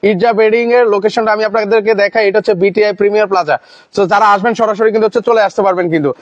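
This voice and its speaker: A man's voice: sits high, steady tone, racing, no echo, muffled recording. A man hosting a live sales stream, repeatedly urging viewers to comment, with lots of fillers.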